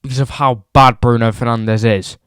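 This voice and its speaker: A man's voice: mid-range voice, fairly even intonation, moderate pace, fairly bright tone, smooth, no echo, studio quality. A young man ranting about football results, exasperated and repeating his points for emphasis. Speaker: football vlogger.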